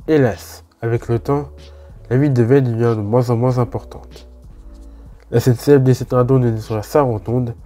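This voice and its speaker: A Frenchman hosting a railway history channel talks viewers through a history topic in relaxed, casual narration, breaking off now and then for chatty asides. His voice is deep-toned and very mellow at an ordinary pitch, with faint music underneath.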